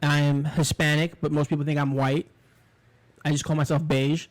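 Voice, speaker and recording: This podcast co-host is a man from New York who speaks English as his first language, using a high-leaning voice with a flat delivery at a moderate pace. He chats casually, rambling and offering opinions, with swearing and frequent restarts.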